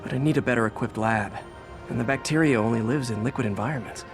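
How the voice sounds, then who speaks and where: A man's voice: medium pitch, fast, music in the background, lightly acted. An actor playing a quippy young male superhero who thinks aloud in a video game, with an American accent and a chatty, earnest, wry manner. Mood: thoughtful. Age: young adult. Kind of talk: video game voice acting, self-narrating.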